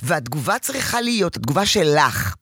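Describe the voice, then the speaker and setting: A woman counseling a parent in an emphatic, animated advice session. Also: deep voice, breathy edge, no room sound, studio quality.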